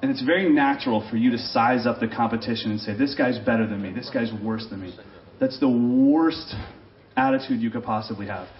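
An animated man in his forties addresses a live audience through a handheld mic on a large stage. His urging talk echoes around the hall. The sound is dull, with faint noise behind it. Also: mid-range voice, brisk. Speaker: drum clinician.

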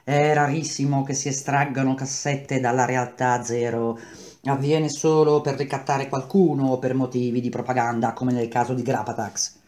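A man reading a novel aloud in measured, even narration. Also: mid-range voice. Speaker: reader. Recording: roomy echo.

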